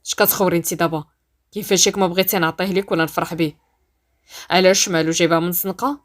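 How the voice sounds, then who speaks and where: A woman with a Moroccan accent voicing an angry, forceful young man in a told story. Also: on the low side, racing, pitched below the performer's own voice, natural voice. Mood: heated. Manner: shouting in anger, then steady and insistent. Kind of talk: storytelling voice-acting.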